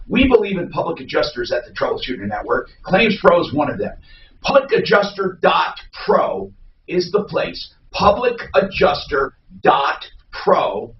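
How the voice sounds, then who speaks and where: A man hosting a radio show, delivering an emphatic spoken sponsor endorsement. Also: high voice. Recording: distant, echoey, noisy, dull sound.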